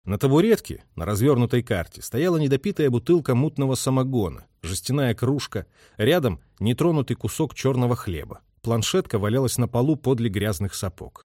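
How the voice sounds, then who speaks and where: A man narrating an audiobook in an even, steady reading voice. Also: medium pitch, fairly quick, no echo, clean studio sound. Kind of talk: scripted narration.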